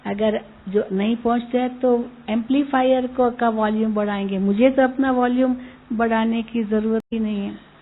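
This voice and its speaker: A woman spiritual teacher giving a slow, gentle talk into a microphone, repeating key words and telling everyday anecdotes. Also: a little high, fairly even intonation. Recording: tinny narrow-band recording.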